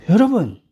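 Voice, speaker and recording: A woman pastor delivering a sermon at home, pressing the congregation with rhetorical questions and rising to near-shouts for emphasis. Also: mid-range voice, breathy edge.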